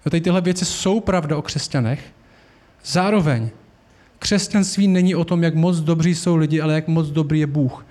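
A man's voice: a little high, a little mellow. A man preaching a sermon in an earnest, conversational way, asking the congregation rhetorical questions.

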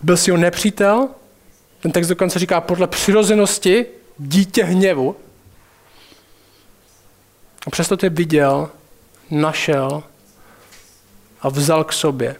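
A man preaching a sermon, speaking straight to his listeners with urgency and slowing down to stress key phrases. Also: on the high side, steady tone.

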